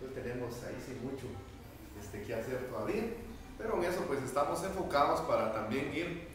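A man's voice: mid-range voice, expressive, a little fast, fairly bright tone. Hesitant middle-aged man in an echoey room. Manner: hesitant, many fillers and tag questions. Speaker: town mayor welcoming visitors. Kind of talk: informal welcome speech. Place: medium indoor meeting room. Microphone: far camera. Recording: echoey room, noisy, from far off.

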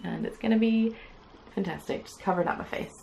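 A young woman hosts a knitting podcast, chatting casually to a desk-distance camera in a small craft room lined with yarn shelves. Her medium-pitched voice is dark with vocal fry and fairly quick, and she rambles with lots of "um"s and playful asides. The low-quality recording has a little hiss or hum.

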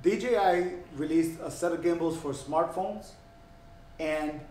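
A man co-hosting a casual tech podcast, laughing often and breaking into excitable exclamations. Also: on the high side, measured pace. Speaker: podcast co-host. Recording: roomy room with faint noise.

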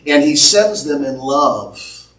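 A male pastor preaching a charismatic sermon in a church sanctuary, his intensity rising until he shouts at the peaks, and acting out the voices he quotes. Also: on the high side, animated, takes it slowly. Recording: echoey church recording from far off.

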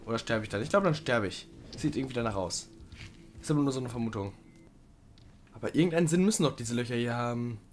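A man's voice: mid-range voice, expressive, quick pace, a little hiss or hum. Chatty man commenting gameplay. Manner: chatty, talks to the game creature, bursts of loud swearing. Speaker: let's play commentator.

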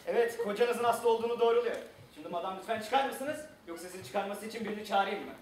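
A man playing a calm, formal bank clerk on stage. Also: high voice, fast, a little hiss or hum, natural voice. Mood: firm. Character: polite, weary bank clerk. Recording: distant stage mic, roomy.

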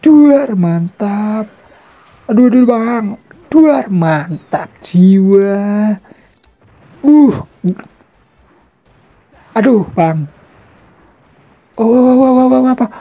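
A young adult giving excited gameplay commentary, trash-talking and shouting fight noises. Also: medium pitch, slow pace, long pauses.

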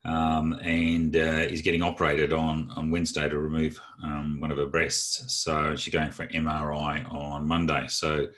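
A man's voice: extremely low pitch, monotone, normal speed, few pauses, fairly bright tone. A man giving a casual, rambling talk to a group of financial professionals, open and chatty, with lots of fillers and restarts. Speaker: presenter of a training session for advisers.

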